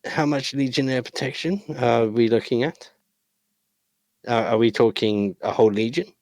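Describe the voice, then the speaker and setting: A man voicing a shabby young male legion clerk who is curt and suspicious, in a high-pitched nasal voice. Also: normal speed, a little mellow, no echo, natural voice. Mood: businesslike.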